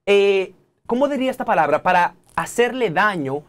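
A man in his thirties with a Dominican accent, a technology guest in a TV studio interview who talks in an animated, preachy way and keeps addressing the audience directly. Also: high voice, normal speed. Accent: Dominican Spanish. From Dominican Republic.

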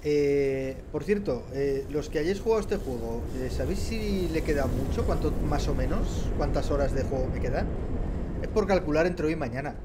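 A man's voice: on the high side, lively intonation, normal speed, noisy background. A man in his thirties with a Spain Spanish accent, chatting and rambling through a let's-play on a headset mic. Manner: chatty, rambling, laughs often. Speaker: gaming streamer. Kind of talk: casual let's-play commentary.

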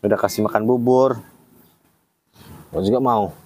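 A man vlogging outdoors while caring for a baby monkey, talking gently to it in cooing baby talk and chatting casually to his viewers. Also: on the low side, steady tone, normal speed, a little hiss or hum. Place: outdoors by a house.

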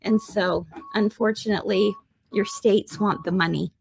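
Creaky-voiced, chatty woman hosting home shopping. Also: mid-range voice, steady tone, moderate pace, slight background noise, poor audio. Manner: chatty, enthusiastic, checks in with viewers. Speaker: host of a live embroidery demonstration and sales show. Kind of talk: casual home shopping host chat, live craft demonstration.

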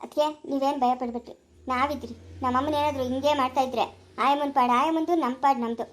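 A young village husband, played by a performer speaks with a rural Chikkaballapura Kannada accent, quick and soothing. His voice sits high and light. He stays steady and low-key. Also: lightly acted. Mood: reassuring. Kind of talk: village family drama acting.

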